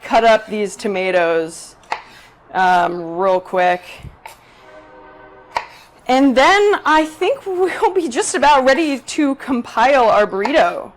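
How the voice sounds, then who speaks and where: Bubbly loud-talking woman cooking at home. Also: a little high, a little hiss or hum. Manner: bubbly, chatty, addresses viewers directly; self-described loud talker. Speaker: cooking video host. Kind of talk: live-streamed cooking demo chat. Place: home kitchen in a Brooklyn apartment. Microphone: 360 camera rig.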